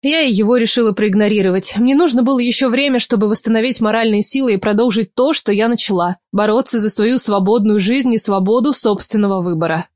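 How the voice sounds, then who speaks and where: An audiobook narrator reads a first-person novel aloud with expressive, emotional, animated delivery. Her voice sits a little high, and she moves at a quick pace with few pauses. The recording is dry and close, with no room sound.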